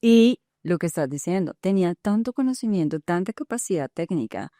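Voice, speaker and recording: A woman hosting a podcast interview, asking quick, animated questions. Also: on the low side, no echo, studio quality. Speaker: podcast host. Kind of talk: conversational interview.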